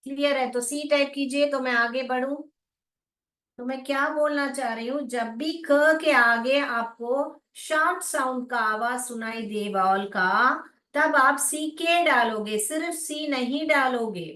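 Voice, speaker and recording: A woman teaching an online phonics class, repeating sounds slowly and coaxing her students. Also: sits high, a bit bright, recorded from a distance. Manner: slow, repetitive, coaxing, calls students beta. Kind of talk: live class explanation to students. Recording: echoey room, voice off-mic.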